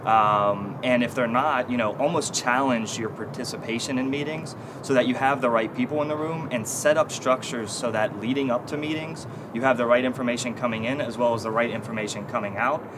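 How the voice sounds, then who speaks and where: Man, 30s, consultant guest, mid pitch, halting and thoughtful, outdoor city noise. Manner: thoughtful, many fillers and restarts. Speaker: consulting team lead, guest. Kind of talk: corporate interview. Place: outdoor stone bench in an urban courtyard.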